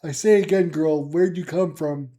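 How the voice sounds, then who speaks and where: A man's voice: a little high, steady tone, moderate pace, mellow, close to an everyday voice. A man voicing a stern, impatient armored guard calling down from a city wall. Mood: hailing. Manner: formal, impatient.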